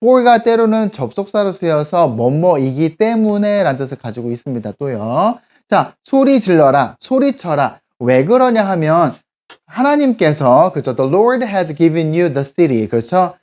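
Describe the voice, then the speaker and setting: A man teaching children in a church class, patient and explaining slowly while he checks in often with the kids. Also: a little high, sing-song, lo-fi sound. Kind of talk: explaining Bible verses to children.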